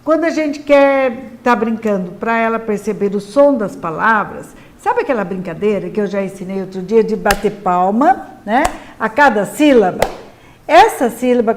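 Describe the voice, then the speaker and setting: A woman with a Brazilian Portuguese accent giving a patient, clear lesson to parents on helping children speak correctly. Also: mid-range voice, lively intonation. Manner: patient, explanatory, models words slowly and clearly. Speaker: literacy teacher advising parents. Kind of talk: instructional talk to parents.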